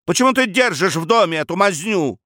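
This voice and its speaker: A man voicing a hot-headed nineteen-year-old male cornet who bursts out in shrill, indignant complaints. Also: big pitch swings, fairly quick, gravelly, a bit bright, husky, dry recording, studio quality, heavily acted. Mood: aggrieved.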